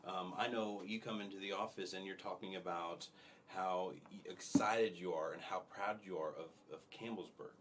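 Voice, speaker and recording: Low-voiced, friendly male interviewer. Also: steady tone, normal speed, slight background noise. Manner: friendly, encouraging questioner with restarts. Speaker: interviewer, host. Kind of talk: casual interview.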